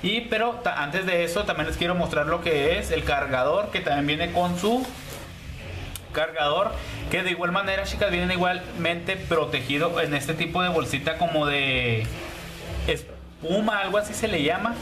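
Man, slightly high voice, casual review vlogger, chatty, hesitant, repetitive, echoey room. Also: moderate pace. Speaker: YouTube beauty channel host reviewer. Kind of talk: casual product review vlog to camera. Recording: roomy echo with background hiss.

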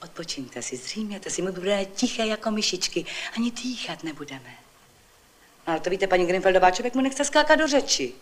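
A woman's voice: mid-range voice, big pitch swings, natural voice. A woman voicing a busy, fussy housewife who chatters and complains while telling her neighbour a story, in an old literary reading. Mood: chatty.

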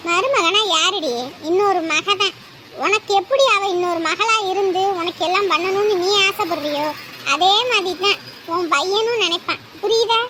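An actress playing a stern woman who lectures and threatens a cruel mother-in-law. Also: very high-pitched. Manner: scolding, lecturing, menacing. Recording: noisy background.

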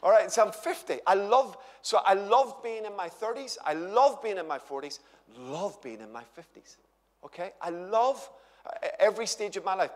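A guest speaker in his 50s, with a voice that sits high, delivers a sermon to a live audience at a church conference. His style is chatty and humorous, built around storytelling, and the large church hall with its stage and audience gives the recording a long reverb.

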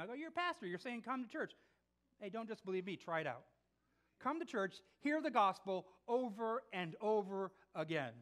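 High, bright-voiced man preaching a sermon. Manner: emphatic, swings from loud urging to soft hushed tones. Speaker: pastor. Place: church sanctuary.

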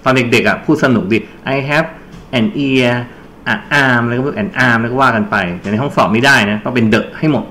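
A man's voice: mid-range voice, moderate pace, bright, forceful tone, a little hiss or hum. A man teaching an English grammar lesson for exam preparation, explaining step by step and quizzing his students with prompts. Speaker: English tutor.

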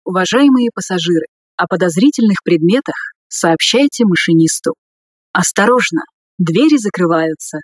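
A woman reading scripted subway announcements in a formal, measured way. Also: lowish voice, lively intonation, husky, no room sound, studio quality.

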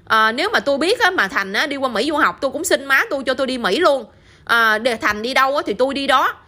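Reproachful young woman scolding a friend, read by a storyteller, high and fast, southern vietnamese. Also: expressive, bright, forceful tone, heavily acted. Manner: reproachful, pleading.

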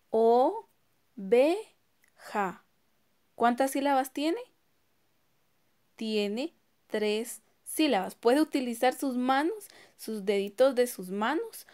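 A slow-paced woman teacher speaks in a fairly high voice. She breaks words into syllables one at a time and asks her pupils questions as she goes. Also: a little mellow, smooth. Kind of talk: recorded online class.

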